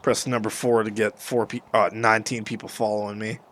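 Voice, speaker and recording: His voice sits fairly low, level in tone, brisk, and a bit bright. He's a Canadian-accented man from Western Canada, casually rambling through gameplay commentary as a video host while gunfire and battle sounds make the recording noisy.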